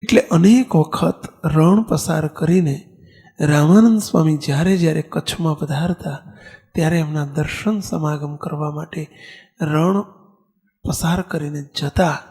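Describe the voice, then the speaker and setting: A monk with a Gujarati accent delivers a storytelling sermon, animated and quick to act out each character's lines. His voice sits high for a man. It is husky and rough with fry. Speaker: Swaminarayan monk giving a sermon.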